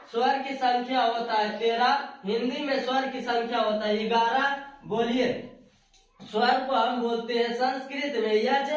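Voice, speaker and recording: Echoey male teacher, drilling. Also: extremely high pitch. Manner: repetitive question-and-answer drilling, affectionate. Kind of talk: spoken video lesson. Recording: very echoey room, far from the mic, dull sound.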